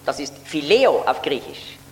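A man's voice: on the high side, wildly swooping pitch, measured pace. A man giving an earnest, explanatory Bible teaching sermon, lifting his voice to stress key words. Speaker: preacher. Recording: echoey hall with faint hum.

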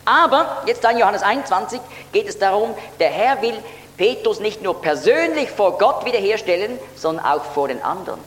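A man's voice: high voice, lively intonation, moderate pace, a bit bright. A man giving an earnest, explanatory Bible teaching sermon, lifting his voice to stress key words. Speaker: preacher. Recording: echoey hall with faint hum.

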